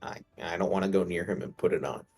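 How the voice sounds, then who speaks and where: A man's voice: deep voice, little pitch movement, fast, gravelly, faint music behind, voice pushed down. A game master voicing a wary, reluctant man who hesitates and hangs back from danger.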